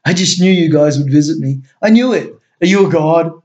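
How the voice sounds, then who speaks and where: Man doing a stammering human man, eager, higher voice, quick, read-aloud story. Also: a little mellow, lo-fi sound, natural voice. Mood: flustered, eager.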